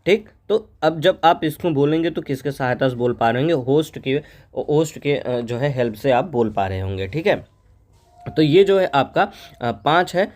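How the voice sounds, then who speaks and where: A man's voice: mid-range voice, animated, moderate pace, darkish tone. A man teaching a Hindi grammar lesson for an exam, asking questions and answering them himself, spelling out letters one by one. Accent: North Indian Hindi.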